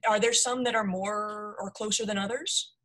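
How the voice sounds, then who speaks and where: A woman's voice: medium pitch, steady tone, moderate pace, a bit bright. A woman hosting an interview, friendly and a little hesitant, asking questions with frequent fillers. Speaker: interview host. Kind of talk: casual conversational interview.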